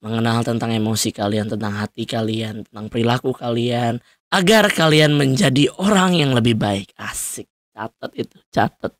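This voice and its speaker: A man's voice: mid-range voice, normal speed, no room sound, clean studio sound. A young man hosting a solo podcast, talking loosely and rambling with frequent fillers and laughs. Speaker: podcast host. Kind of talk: solo casual podcast monologue.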